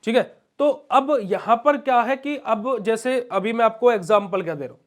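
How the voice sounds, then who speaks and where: Young male lecturer, high voice, coaxing question-and-answer teaching style. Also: moderate pace. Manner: asks questions and answers them himself, calls students "beta ji". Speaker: pharmacy lecturer. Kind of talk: classroom lecture.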